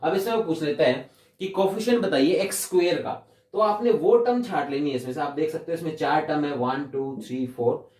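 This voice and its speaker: A man teaches maths in a fairly high voice. He is patient, repeats each definition and slows right down to read the English terms word by word. He sits some way from the mic in an echoey room. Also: a little mellow, recorded from a distance. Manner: patient, repeats definitions and asks himself questions. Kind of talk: classroom explanation.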